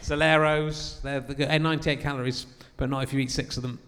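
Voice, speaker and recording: A man's voice: medium pitch, level tone, quick pace, a crowd in the background. English guy hosting live, wry, swears a lot, reverby venue. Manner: wry, self-deprecating, swears freely. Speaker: podcast host. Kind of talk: casual chat. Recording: live show with long reverb.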